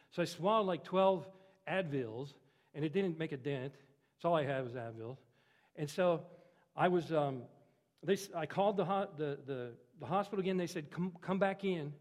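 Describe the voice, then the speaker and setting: A man's voice: a little high, a little mellow, long reverb tail. A man preaching a sermon in a conversational storytelling way, his voice rising and dropping for emphasis. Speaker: pastor.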